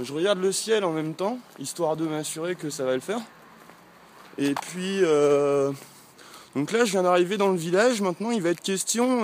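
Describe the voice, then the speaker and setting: Man from France vlogging on foot outdoors: slightly high, hesitant, rambling delivery to a handheld camera, with faint street noise. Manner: chatty, rambling with frequent hesitations; talking while walking. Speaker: travel vlogger. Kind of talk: casual chat to camera.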